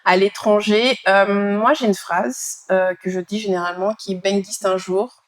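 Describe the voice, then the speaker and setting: A woman with a Parisian French accent co-hosting a podcast in casual chat, telling things in an animated, informal way. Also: mid-range voice, moderate pace, no room sound. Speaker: podcast co-host.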